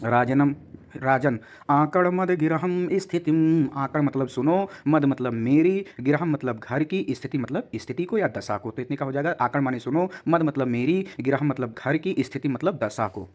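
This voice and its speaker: A man's voice: mid-range voice, lively intonation, moderate pace, a little mellow. A man teaching a class, going word by word and repeating each meaning, calling his students "beta". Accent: Hindi. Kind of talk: classroom lesson.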